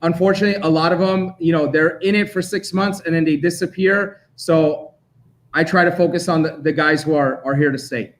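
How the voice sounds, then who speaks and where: A young man from Armenia, raised in Los Angeles, talking casually about his collecting as a guest. His voice sits a little high, and he rambles on freely with easy laughs. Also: steady tone. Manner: talkative, quick to laugh. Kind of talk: casual chat.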